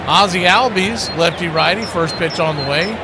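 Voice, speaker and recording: A man announcing a baseball game play-by-play in a steady, matter-of-fact radio style. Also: sits high, moderate pace, background noise.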